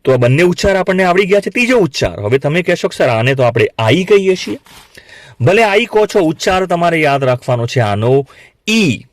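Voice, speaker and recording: A man teaching English phonics to beginners, saying each sound slowly and asking learners to repeat it back. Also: fairly high pitch, no room sound. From Gujarat, India. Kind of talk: classroom lesson for beginners.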